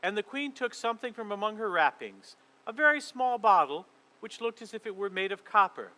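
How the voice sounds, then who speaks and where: A man leading a children's church session and reading a storybook aloud in a lively, expressive way. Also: sits high, a little fast, rough recording.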